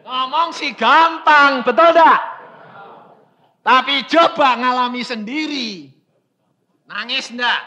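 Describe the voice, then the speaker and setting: A man preaching a sermon, telling a story and acting out the dialogue, swinging from hushed lines to shouted ones. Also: very high voice, slow, long pauses, dull audio. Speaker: pastor.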